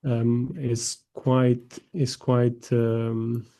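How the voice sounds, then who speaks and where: A man's voice: medium pitch, completely flat delivery, extremely slow, warm tone, a little hiss or hum. A man sharing his views in an online study group, hesitant with many restarts.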